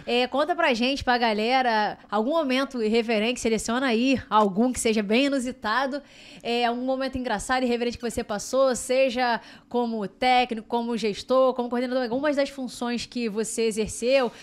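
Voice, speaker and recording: A woman's voice: on the high side, steady tone, moderate pace, smooth. A Brazilian woman hosting a casual podcast, asking long chatty questions strung together with fillers. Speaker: podcast host.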